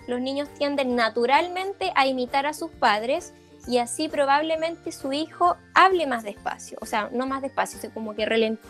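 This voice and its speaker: A woman giving a parent workshop like a speech therapist, explaining in an informal lecture with frequent fillers and quick check-ins. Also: sits high. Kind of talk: informal lecture over slides.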